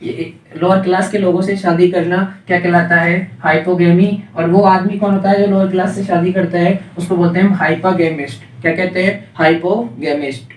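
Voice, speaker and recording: A man teaches vocabulary with a Hindi accent, drilling each word by asking it again and again. His voice sits high for a man. The recording is roomy and echoey, with the mic placed a little away from him. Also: flat delivery, moderate pace. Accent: Hindi-accented English. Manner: repeats questions and has students echo answers. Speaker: English teacher. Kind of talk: classroom vocabulary lesson. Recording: echoey room, mic at a distance.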